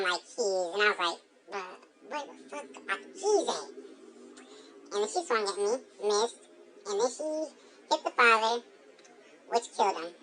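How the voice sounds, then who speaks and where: A crude, brassy chipmunk rattles off a wild tale in a comedic monologue, put on by a woman. The voice is bright and edgy, packed with slang and swearing. Faint noise hums underneath. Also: medium pitch. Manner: profane, slang-heavy, brash storytelling. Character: foul-mouthed drunk chipmunk telling a wild tale.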